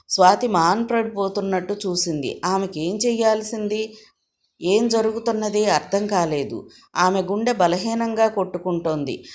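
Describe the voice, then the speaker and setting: A woman reading a novel for an audiobook, steady and expressive, with a mid-range voice that carries the story clearly. Her pacing is measured and even. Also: mid-range voice. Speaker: audiobook narrator. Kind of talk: scripted novel narration.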